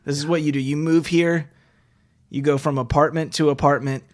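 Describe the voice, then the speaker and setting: A man hosting a podcast, chiming in with quick jokes and recaps of the guest's story. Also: fairly high pitch, steady tone. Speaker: podcast host. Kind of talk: casual interview chat.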